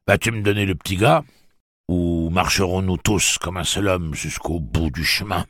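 A man's voice: low voice, normal speed, a bit bright, no room sound, clean studio sound, voice pushed up. A man voicing a gleeful, crude old pirate who mocks and threatens in coarse slang. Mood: taunting. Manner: mocking, coarse taunting.

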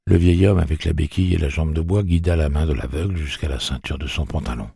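Very deep gravelly male narrator. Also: dark tone, dry recording, studio quality. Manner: slow, measured reading. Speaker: audiobook narrator. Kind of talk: scripted narration.

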